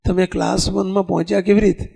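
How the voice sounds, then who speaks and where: A man's voice: high voice, fast talker, vocal fry, slightly rough. A man with a Gujarati accent preaching a sermon, telling stories and putting questions to his listeners. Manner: animated storytelling, rhetorical questions to listeners.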